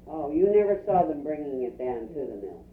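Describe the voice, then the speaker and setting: Female interviewer, informal questioning, animated intonation, roomy and faintly noisy field recording. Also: sits low, brisk. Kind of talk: informal oral history questioning. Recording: tinny, roomy, distant, noisy field tape.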